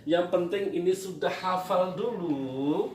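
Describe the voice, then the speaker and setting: A man's voice: high-pitched, slow pace, a little mellow. A man teaching Quran reading at a board, patiently asking questions and answering them himself. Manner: patient, repetitive, asks and answers his own questions. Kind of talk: whiteboard reading lesson. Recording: echoey room, distant mic, faint noise.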